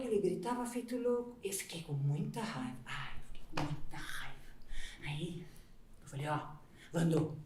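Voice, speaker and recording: A fiery, overworked housewife. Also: female voice. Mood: indignant. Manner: emotional, swings from hushed pleading to shrill outbursts. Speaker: stage actress in a monologue. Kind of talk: live stage theater acting. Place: theater stage. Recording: echoey theater stage.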